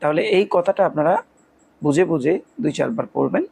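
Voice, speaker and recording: Gravelly-voiced man teaching Quran reading. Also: on the high side, darkish tone. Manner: explains step by step, then chants letters slowly and rhythmically. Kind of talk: spoken lesson with slow recitation and spelling drills.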